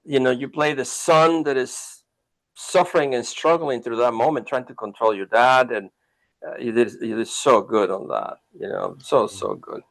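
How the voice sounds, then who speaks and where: A man hosts a film podcast, asking long questions that stop and restart over and over. His voice sits at an everyday middle pitch, and his talk is full of fillers. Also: rough recording. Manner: halting, many restarts and fillers. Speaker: podcast host. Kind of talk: interview chat.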